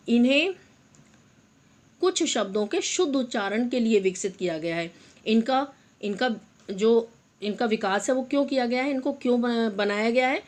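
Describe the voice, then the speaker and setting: A primary school teacher, a young adult woman with a fairly high voice, gives young children a Hindi grammar lesson. She patiently repeats example words slowly and speaks to her pupils with fondness.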